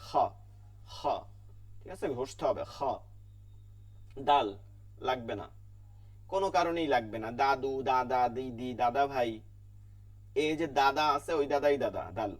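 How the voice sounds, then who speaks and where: A man's voice: medium pitch, distant mic. A man teaching an online Quran class, repeating letter sounds again and again and asking and answering his own questions.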